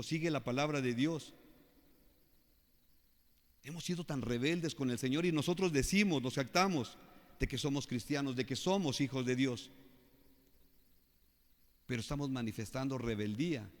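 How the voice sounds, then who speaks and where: A male preacher with a Mexican Spanish accent giving a sermon in a church, slowing and rising as he reads scripture aloud and asking the congregation questions. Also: mid-range voice. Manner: slows down and rises when reading scripture aloud. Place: church hall. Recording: reverberant church hall.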